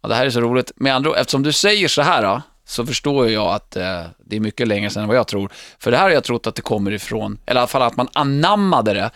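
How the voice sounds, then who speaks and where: A man's voice: medium pitch, lively intonation, few pauses, a bit bright, no room sound, clean studio sound. A man co-hosting a casual music podcast chat, talking enthusiastically and laughing as he tells stories. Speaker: podcast co-host.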